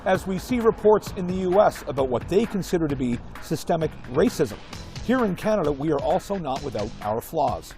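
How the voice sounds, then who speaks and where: A male host reading a measured, formal scripted introduction. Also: fairly high pitch, big pitch swings. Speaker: show host. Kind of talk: scripted broadcast narration. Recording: music bed behind voice.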